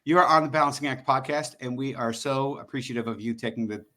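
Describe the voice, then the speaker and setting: A man's voice: medium pitch, quick pace, bright, forceful tone. A middle-aged man hosting a podcast, chatting in a jokey, rambling way. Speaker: podcast host. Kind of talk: casual podcast chat.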